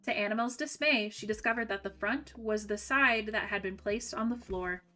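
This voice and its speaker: A woman storyteller reading a children's book aloud in a gentle, even way. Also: mid-range voice, normal speed. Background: faint background music.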